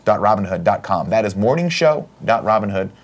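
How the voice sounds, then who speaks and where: A man's voice: lowish voice, expressive, a little fast. A man co-hosting a comedy podcast, joking around and reading sponsor ads in a hammy announcer manner. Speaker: podcast co-host. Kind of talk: casual chat and live-read ads.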